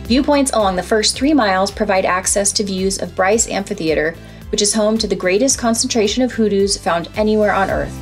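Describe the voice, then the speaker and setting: A woman reads a scripted travel voice-over in a calm, informative, guide-like way. Her voice sits at an ordinary middle pitch, and soft music plays faintly under her. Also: brisk. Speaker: travel vlogger narrating a road trip.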